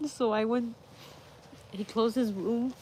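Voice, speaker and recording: A woman's voice: on the high side, fairly even intonation, takes it slowly, a little mellow, slight background noise. A middle-aged woman hosting a livestream and telling a story to her viewers in a casual way, laughing often as she goes. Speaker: livestream host.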